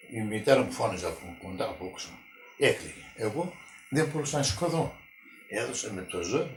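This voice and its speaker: Elderly village man, echoey room. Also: medium pitch. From Greece. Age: 90s. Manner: halting, repetitive storytelling. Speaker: witness interviewee. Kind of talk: oral history interview. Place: village home indoors. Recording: echoey room with faint noise.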